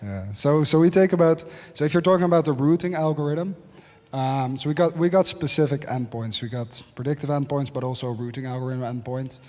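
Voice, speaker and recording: A man's voice: on the high side, brisk, darkish tone. A man speaking as a conference panelist, direct and emphatic, repeating his key point. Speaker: panelist, company CEO. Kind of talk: panel answers. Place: large conference hall. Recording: conference hall reverb.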